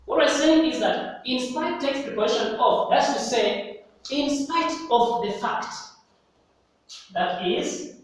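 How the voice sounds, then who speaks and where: A man teaching an English grammar lesson, speaking slowly and repeating and stressing key words, recorded in a classroom. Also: very high-pitched, expressive. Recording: echoey hall, mic far off, faint noise.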